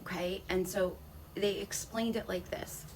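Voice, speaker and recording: A woman giving a casual spiritual talk, reading channeled messages aloud from notes in a deliberate way with emphatic pauses and repeated phrases. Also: medium pitch, steady tone, a little mellow, slight background noise, low-quality recording.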